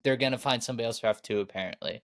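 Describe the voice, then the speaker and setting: Relaxed young man chatting on a podcast. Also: medium pitch, rapid-fire. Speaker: podcast co-host. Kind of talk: casual chat.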